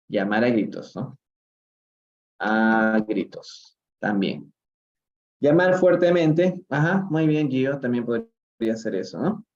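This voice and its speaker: This Peruvian man's mid-range voice comes through with the highs cut off. Running a live-streamed English reading lesson, he goes slowly, explains phrases in Spanish alongside English, and keeps asking "¿no?" to check in.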